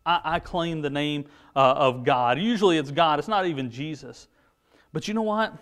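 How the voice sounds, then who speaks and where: High-voiced man preaching to children. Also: moderate pace. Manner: animated storytelling, frequent restarts. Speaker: junior church preacher. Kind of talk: children's Bible lesson. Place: indoor studio set at a pulpit.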